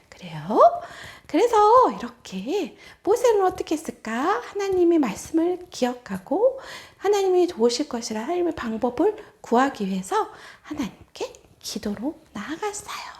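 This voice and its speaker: A woman's voice: sits high, darkish tone. A woman evangelist giving a children's sermon, telling the story with animation and asking the children questions.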